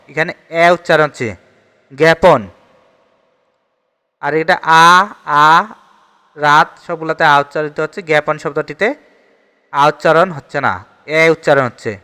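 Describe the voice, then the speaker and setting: High, clear-voiced man drilling grammar answers. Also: big-room sound. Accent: Bangladeshi Bengali. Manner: steady question-and-answer drilling, repeats answers. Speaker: teacher solving exam questions. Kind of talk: exam-prep grammar lesson.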